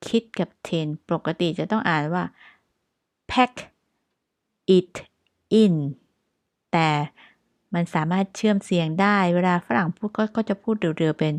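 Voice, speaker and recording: A woman with a Thai accent teaching English phrases, explaining in Thai and repeating each example slowly and carefully. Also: fairly low pitch, no room sound, studio quality. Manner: reads example sentences very slowly and clearly, twice.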